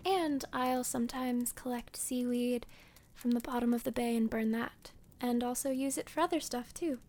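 A woman playing a playful hermit woman who tends a wounded man, talking gently and often dropping into a half-whisper. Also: fairly high pitch, moderate pace, lightly acted. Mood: caring. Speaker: audio roleplay performer. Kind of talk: audio roleplay addressed to the listener.

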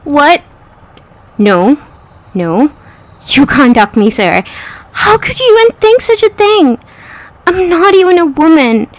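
A woman's voice: high-pitched, sing-song, takes it slowly, pauses often, exaggerated voice. A woman voicing a prim, flustered female autocorrect program in a comedic parody, talking in a melodramatic, coy and pleading way. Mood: coy protest.

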